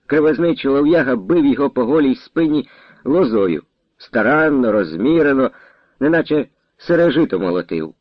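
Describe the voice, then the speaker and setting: A man reading a historical novel aloud as narrator, with an expressive storytelling manner. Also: on the high side, no echo, highs cut off. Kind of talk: audiobook reading.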